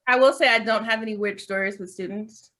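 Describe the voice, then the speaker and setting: A woman with a bright, crisp voice at an ordinary pitch co-hosts a relaxed podcast conversation. She cuts in with quick, teasing remarks and short laughs. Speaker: podcast co-host, scientist. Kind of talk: casual chat.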